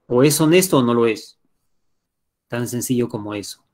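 Over a computer mic, a male English teacher with a Peruvian Spanish accent runs a live online lesson in a mid-range, slightly mellow voice at normal speed. He goes step by step with patience, regularly halting to make sure the students are with him.

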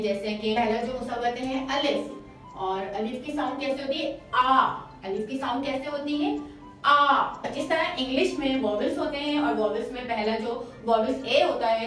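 A woman teacher gives a children's lesson, patiently repeating each sound loudly for pupils to copy. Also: sits high. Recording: very echoey room, distant mic, faint music.

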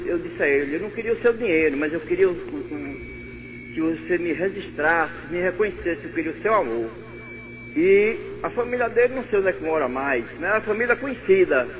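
An older man calling into a radio show with a northeastern Brazilian accent, talking earnestly with halting repeats. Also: sits high, a little hiss or hum, poor audio. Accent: Brazilian Portuguese, northeastern. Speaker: caller. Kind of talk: phone-in call.

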